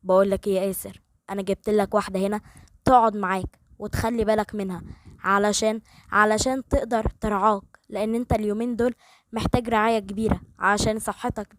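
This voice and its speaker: A woman's voice: medium pitch, fairly even intonation, fast talker, dry recording, close to an everyday voice. A woman voicing a worried middle-aged father who coaxes earnestly, with an Egyptian Arabic accent. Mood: cautious. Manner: coaxing and earnest.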